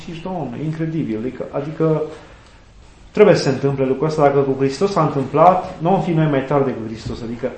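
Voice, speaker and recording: Earnest middle-aged priest, echoey room. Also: male voice, mid-range voice. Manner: earnest, animated, quotes sayings and saints. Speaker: Orthodox priest and student chaplain. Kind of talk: conversational interview, reflective storytelling.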